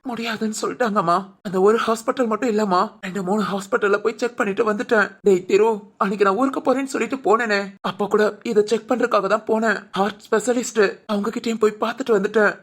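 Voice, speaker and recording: A performer voicing a gravely ill young man in an animated family drama, who speaks gently and with resignation. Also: mid-range voice, fast talker, close to an everyday voice. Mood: resigned.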